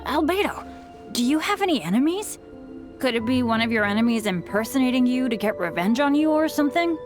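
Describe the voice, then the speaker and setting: A woman's voice: high-pitched, expressive, brisk, music in the background. A woman voicing an earnest, good-natured teenage boy adventurer in a video game. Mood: urgent, curious. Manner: eager, earnest. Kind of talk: animated game voice acting.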